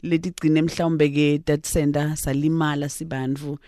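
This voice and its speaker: A young South African man hosts talk radio in a conversational way. His voice sits slightly high for a man and sounds close and dry. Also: little pitch movement, moderate pace, mellow, dry recording. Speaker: radio host.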